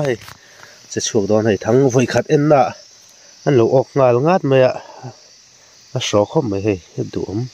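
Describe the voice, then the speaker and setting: A man's voice: fairly low pitch, a little mellow, a little hiss or hum. A man talking casually and animatedly outdoors on a rat hunt, laughing now and then. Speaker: rat hunter.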